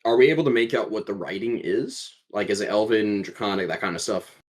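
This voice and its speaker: A man with a lowish voice talks through his moves in a tabletop game. He is relaxed and a little halting, filling gaps with "like" and "um". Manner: relaxed, hesitant, many fillers. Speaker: player. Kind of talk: casual chat during a tabletop game.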